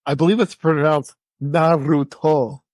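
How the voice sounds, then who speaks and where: Male podcast co-host, teasing and dry, higher-pitched, dry recording. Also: fast talker, a little mellow, no room sound. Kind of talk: casual podcast chat.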